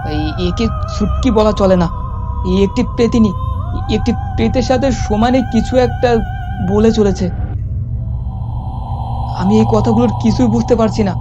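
A man narrating a scripted first-person horror story in a suspenseful, dramatic manner. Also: high-pitched. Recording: dull lo-fi sound, music behind. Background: loud music.

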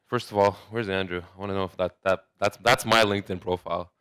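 A man in his thirties speaks at a conference, loose and conversational, restarting phrases as he goes. His voice sits a little low but rings bright and smooth, recorded dry and close. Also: fairly even intonation, quick pace, dry recording. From Saudi Arabia. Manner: conversational, many restarts and fillers. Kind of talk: conference talk. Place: large hotel ballroom, indoors.

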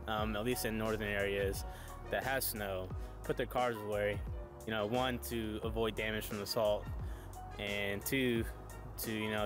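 Laid-back young man reviewing his car. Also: lowish voice. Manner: laid-back, many fillers, casual swearing. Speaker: car vlogger. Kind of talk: casual walkaround car review. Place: outdoors behind a shopping store.

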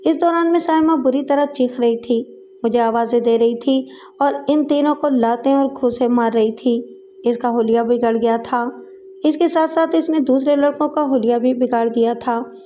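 A woman reading a crime story aloud in a steady, dramatic storytelling manner. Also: high voice, moderate pace, slight background noise. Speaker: audiobook narrator. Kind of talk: scripted narration of a crime story.

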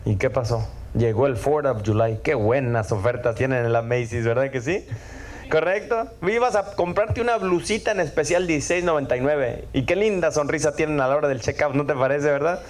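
A man's voice: mid-range voice, expressive, brisk, a little hiss or hum. A middle-aged man, preaching a sermon and often asking the audience for agreement. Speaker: pastor.

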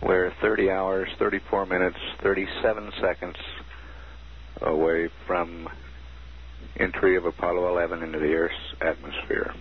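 A man giving formal, businesslike mission status announcements, reading out figures in a measured way, heard through a muffled radio transmission. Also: low voice, little pitch movement. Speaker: mission control commentator. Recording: dull 1969 archive broadcast, faint hiss.

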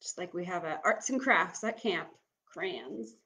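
A woman's voice: lowish voice, normal speed, sharp tone. A young adult woman hosting as a bingo caller, casually explaining and repeating items for an online audience in a room at home. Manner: bingo caller announcing and repeating each item, instructional. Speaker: bingo caller, camp game host. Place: small room at home, indoors.

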